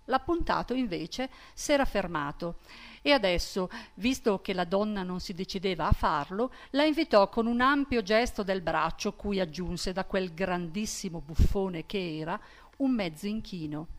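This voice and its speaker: A woman reads a passage of a novel aloud with clear, attentive narration. Her voice sits at a middle pitch. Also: expressive, moderate pace. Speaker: reader. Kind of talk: literary reading aloud.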